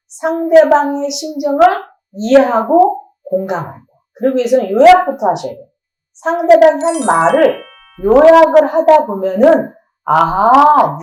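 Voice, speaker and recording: A woman's voice: high-pitched, warm tone. A middle-aged woman, a counseling professor, lecturing and asking her audience rhetorical questions. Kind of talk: lecture on family communication. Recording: roomy echo, faint music.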